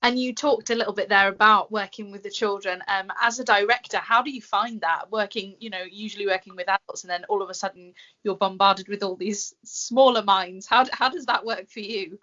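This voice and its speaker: A woman's voice: medium pitch, steady tone, a little fast, few pauses, bright, forceful tone, highs cut off. A woman interviewer asking questions in a conversational way.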